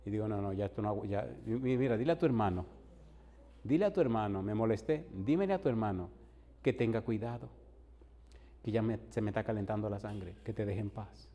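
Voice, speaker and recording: A man's voice: fairly low pitch, brisk, mellow. A man preaching as a pastor, telling a long story and acting out the dialogue, in a church hall before an audience. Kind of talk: storytelling sermon.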